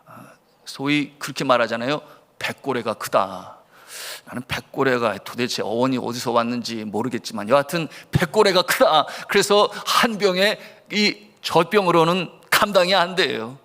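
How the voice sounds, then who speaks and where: A man's voice: medium pitch, expressive, normal speed, sharp tone. A middle-aged male pastor preaching a sermon with earnest emphasis and rhetorical questions to his congregation. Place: church sanctuary. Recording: long church reverb.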